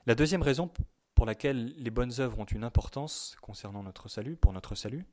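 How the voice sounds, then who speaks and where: A man delivering a religious teaching talk in a dark, mellow voice. He speaks in a measured way and leans hard on the words he wants to stress. He sometimes reads quotations aloud. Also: medium pitch. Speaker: teacher at a youth retreat.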